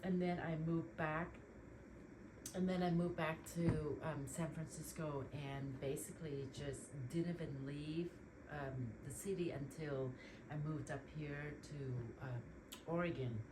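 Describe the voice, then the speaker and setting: A woman in her forties, from Vietnam, talks in a low, easygoing voice as she sorts clothes at home. Her chat rambles along with plenty of ums and likes. A steady hiss of background noise sits under the home recording. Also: a little slow. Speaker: lifestyle vlogger. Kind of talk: casual chit-chat while decluttering. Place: home closet.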